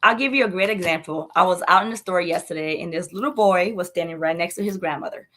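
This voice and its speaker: Mom talking earnestly in an interview, emphatic, repeats words a lot. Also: female voice, lowish voice, fast talker, pushed and bright. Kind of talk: interview conversation.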